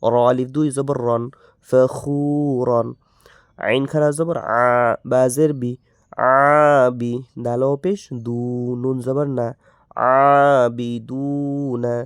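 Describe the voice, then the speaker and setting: A Bangladeshi man teaching Quran reading, spelling out letters and vowel marks and repeating each word slowly in drills. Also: mid-range voice, clear, resonant tone, no echo, clean studio sound. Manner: slow, drawn-out drilling with repeated syllables.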